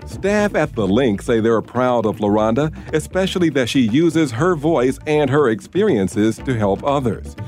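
Male news voice-over, mid pitch, measured, faint music bed. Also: animated, darkish tone. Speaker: news narrator.

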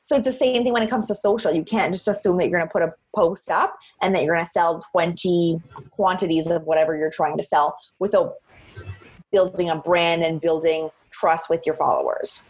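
An outgoing woman chats in an interview. Her voice has a husky edge, and she leans on repeated phrases to press her points. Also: lowish voice, steady tone, a little fast, darkish tone, rough recording. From Cape Breton, Canada. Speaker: interview guest, social media marketer. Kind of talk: conversational interview.

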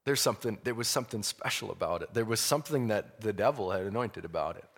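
Guy preaching in a big echoey hall, lowish voice, chatty, repeats himself for emphasis. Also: animated, breathy edge. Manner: halting, repeats phrases for emphasis. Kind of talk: conversational sermon. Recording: long hall reverb.

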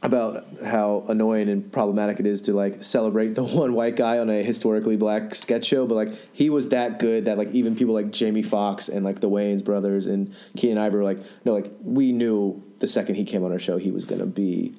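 Thirties guy rambling on a podcast, kinda low voice, warm and mellow, lots of likes and restarts. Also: level tone, brisk, hardly any pauses. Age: 30s. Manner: rambling, many fillers and restarts. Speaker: podcast host. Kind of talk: casual podcast chat.

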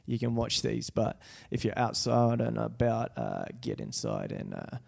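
A man's voice: lowish voice, huge pitch swings, a little slow, gravelly, a little mellow. A man hosting a casual film chat, slangy and sweary, often repeating his words. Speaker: podcast host.

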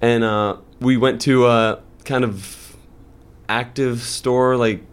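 Slowly and steadily, in a clean, mid-range voice, a young man co-hosting a laid-back podcast wanders through his stories. Fillers crop up constantly as he chats.

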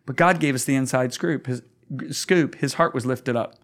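A man's voice: medium pitch, normal speed, fairly bright tone. A man, a guest pastor, talking earnestly in a conversational interview, often stammering and restarting as he tells stories.

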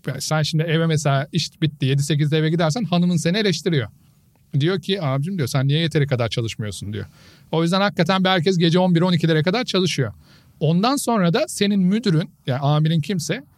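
A man's voice: on the high side, a little mellow, no echo, studio quality. Casual podcast chat from a man host who tells stories and mimics the people he quotes. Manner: storytelling, imitates quoted people.

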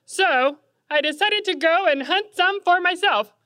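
Woman playing earnest man Jimmy, bright and high. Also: measured pace, dry recording, clean studio sound, full character voice. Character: earnest young man Jimmy hunting chicken.

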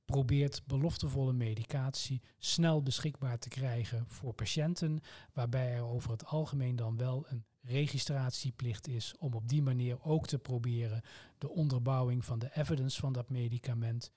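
A man with a Dutch accent, answering interview questions in a measured, formal way with precise terms. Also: mid-range voice, steady tone, dark tone. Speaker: medical oncologist guest.

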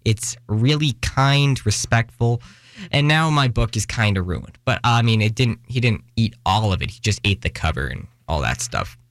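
A man's voice: fairly low pitch, lively intonation, normal speed, hardly any pauses, fairly bright tone, no room sound, studio quality. A young man hosting a casual solo podcast, rambling with many restarts and joking at his own expense. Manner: rambling, self-deprecating, restarts and fillers, runs out of breath. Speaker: podcast host. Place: Washington, US.

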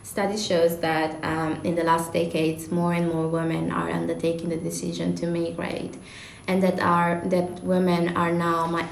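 A young adult woman from Italy, speaking with an Italian accent, hosts a student podcast discussion that feels like a semi-prepared presentation. Her voice is lowish and fairly even, and she speaks haltingly, tripping over some words. The recording is in a clearly echoey room with faint noise.

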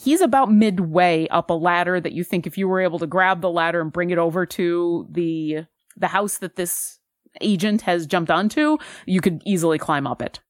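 A woman's voice: lowish voice, normal speed, dry recording, clean studio sound. A woman running a tabletop game as game master, describing scenes and asking the players what they do. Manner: descriptive, with frequent fillers and restarts.

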